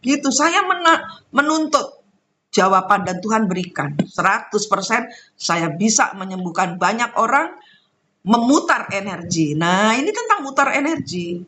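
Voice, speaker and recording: Woman, high bright voice, animated spiritual storyteller who laughs a lot. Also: unhurried. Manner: animated, laughs often, mixes in Javanese and English. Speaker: spiritual talk host. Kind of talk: casual spiritual storytelling monologue.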